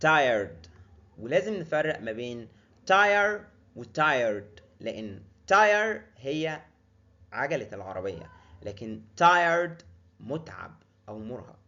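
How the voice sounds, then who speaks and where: An Egyptian man who speaks Arabic natively, teaching English words by repeating each one slowly and clearly before explaining it. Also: medium pitch, sing-song, pushed and bright, lo-fi sound. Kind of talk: vocabulary lesson.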